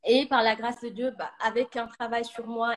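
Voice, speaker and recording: A woman's voice: fairly high pitch, fairly even intonation. Woman on a choppy, cutting-out live stream. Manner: earnest, speaks in short halting phrases. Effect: choppy live-stream audio cutting in and out. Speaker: coach for women. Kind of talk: live video chat testimony. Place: at home on a noisy street with roadworks. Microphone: phone on a live video stream.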